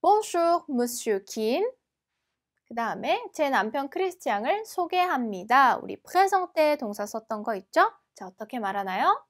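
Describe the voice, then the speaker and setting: A woman teaching a language lesson, explaining patiently and repeating each word slowly and carefully. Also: sits high, very animated, fairly bright tone. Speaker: French teacher.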